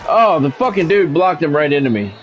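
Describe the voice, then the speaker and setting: Over a football video game, a man calls the plays in measured, broadcast-style phrases that are clipped, tossing in casual gamer asides. His voice is on the high side and very animated, with a little hiss or hum in the sound.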